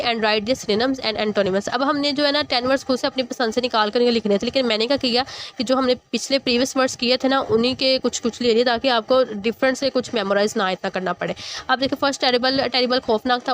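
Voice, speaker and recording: A woman English teacher, explaining an exercise word by word and often checking in with "okay". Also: fairly high pitch. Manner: explains English words in Hindi-Urdu, repeats "ठीक है". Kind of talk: exercise walkthrough lesson.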